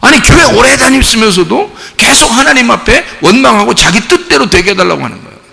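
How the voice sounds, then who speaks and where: A pastor preaching a sermon in an animated way, sometimes rising to shouts. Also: male voice, very high-pitched, quick pace, creaky, in a large hall. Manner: animated preaching, acts out quoted voices; rises to shouting at climaxes. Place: church sanctuary.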